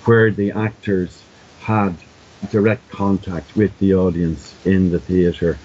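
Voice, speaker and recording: A man's voice: deep voice, level tone, takes it slowly, a little mellow, breathy edge, highs cut off. An Irish man with a storyteller's discursive, thoughtful manner, explaining things conversationally and through anecdote. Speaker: traditional storyteller being interviewed.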